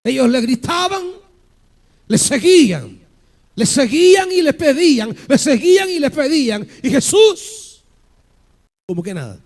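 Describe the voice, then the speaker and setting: A male pastor preaching a sermon with passion, asking the congregation rhetorical questions and building to shouted peaks. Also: extremely high pitch, big pitch swings, moderate pace.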